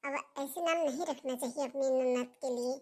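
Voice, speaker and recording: An older aunt from a family melodrama, acted by a woman. She speaks in a high voice with calm, measured reproach. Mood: admonishing. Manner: calm, admonishing.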